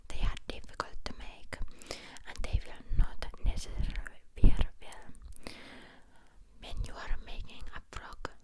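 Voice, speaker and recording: A woman reads a book aloud as ASMR, whispering close to the listener's ear in a halting way and stumbling over words now and then. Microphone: close ear-to-ear ASMR microphone.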